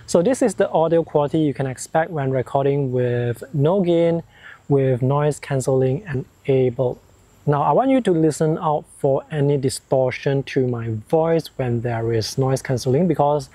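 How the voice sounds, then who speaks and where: Higher-voiced man reviewing gear outdoors. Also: warm tone. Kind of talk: product review to camera. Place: outdoors in a park and garden. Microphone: wireless clip-on mic on chest. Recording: outdoor recording, faint ambient noise.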